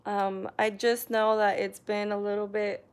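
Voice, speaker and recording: This young New York vlogger reads live chat comments from her living room at an unhurried pace, chatty yet hesitant, often laughing and saying um. Her clean, mid-range voice has little pitch movement, recorded by a camera on a tripod.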